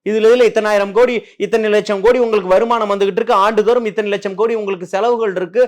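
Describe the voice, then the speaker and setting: A man's voice: sits high, fairly even intonation, fast. A man from as a guest in a heated political interview, combative and firing off rhetorical questions.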